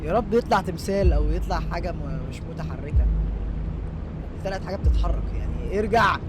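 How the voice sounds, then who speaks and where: A young gaming YouTuber with an Egyptian Arabic accent jokes his way through a horror game let's-play, lurching between muttering and panicked yelling. His voice sits high, he talks fast, and the recording is very noisy.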